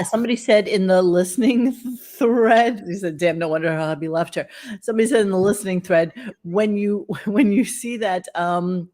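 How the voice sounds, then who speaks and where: Woman, talk show host, lower pitch, echoey room, casual joking, salty language. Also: darkish tone. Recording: echoey room without close microphone.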